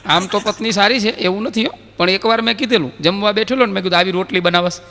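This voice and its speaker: High-voiced comic storyteller. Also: male voice, quick pace, creaky, big-room sound. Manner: lively storyteller who acts out other people's lines. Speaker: folk comedian. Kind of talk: live stand-up storytelling with jokes. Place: live stage show with audience laughter. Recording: loud background noise.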